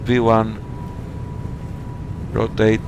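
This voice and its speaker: A man talks like a pilot on a cockpit headset, rattling off terse callouts and radio calls in quick aviation phraseology. His voice sits low and rough with a strong gravelly grain. A constant hum runs under the recording. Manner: clipped, rapid aviation phraseology. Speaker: flight simulator pilot. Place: home flight simulator setup. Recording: steady background hum.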